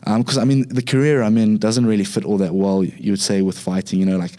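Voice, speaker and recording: Low, flat-voiced Zimbabwean man. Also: fast. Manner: relaxed, frequent fillers and restarts. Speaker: podcast guest, fighter. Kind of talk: casual interview talk.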